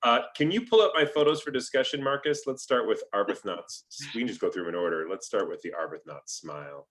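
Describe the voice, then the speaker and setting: Low-voiced man hosting a talkback. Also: expressive, quick pace, fairly bright tone. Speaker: moderator. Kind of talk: casual video-call talkback. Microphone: video call.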